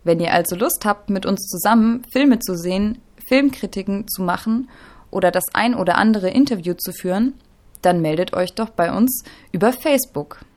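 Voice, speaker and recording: A woman presents a youth radio show. Her voice is of average pitch for a woman. She delivers scripted links and speaks directly to the audience. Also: normal speed, a little mellow.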